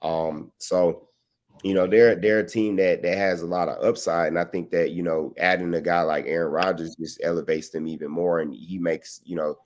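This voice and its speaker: A man with a very low, deep voice hosts a relaxed sports talk show. He leans on "you know" and "um" and asks long, winding questions. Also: normal speed, slight background noise.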